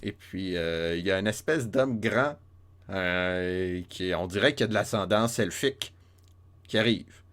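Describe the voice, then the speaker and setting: A man's voice: sits low, measured pace, fairly bright tone. A man gives casual, playful commentary on a game, joking along as he plays. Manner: playful, joking, many fillers and restarts. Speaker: let's play host.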